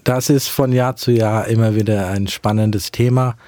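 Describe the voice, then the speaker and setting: Here a young mission worker whose first language is English talks through interview questions about his mission work, earnest and measured but hesitating frequently. His voice sits fairly low with a dark tone and fairly even intonation. No room sound is audible.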